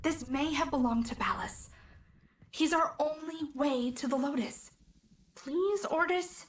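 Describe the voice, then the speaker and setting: A woman's voice: sits high, lively intonation, a little slow. An actress playing a young female commander in a video game, terse, earnest and determined. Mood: insistent. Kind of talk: video game character acting. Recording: roomy, distant, noisy ambience.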